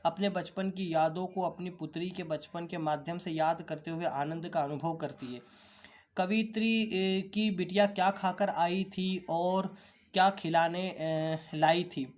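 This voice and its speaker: A man teaching an online class, slowly reading out and explaining textbook answers. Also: sits high, steady tone. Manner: carefully repeats words for pronunciation drill.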